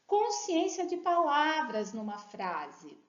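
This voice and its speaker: A woman, a literacy educator giving an animated lesson. She asks the listener questions and slows down to sound words out syllable by syllable. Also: sits high. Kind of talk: instructional talk to teachers and parents. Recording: roomy, slightly muffled recording.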